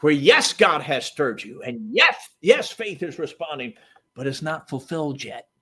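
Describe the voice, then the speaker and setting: A man preaching a sermon to a seated audience, animated, laughing often and swinging from quiet asides to shouted lines. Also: on the high side, a little slow. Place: church or meeting hall with seated audience.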